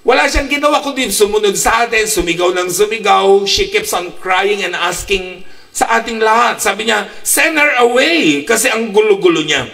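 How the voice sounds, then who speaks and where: A man's voice: high voice, normal speed, vocal fry, sharp tone, distant mic. A man preaching a sermon with a Filipino accent, emphatic and full of rhetorical questions.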